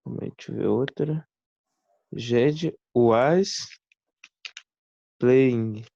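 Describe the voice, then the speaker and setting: Male student, very low, unhurried, hesitant; muffled dry video-call sound. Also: gravelly, dark tone, no echo. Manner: hesitant, thinks aloud.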